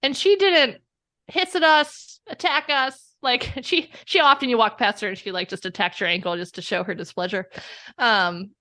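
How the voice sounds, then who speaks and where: Bright chatty woman, laughs a lot, animated storyteller, podcast chat. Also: on the high side, moderate pace. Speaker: podcast guest. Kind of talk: casual conversation.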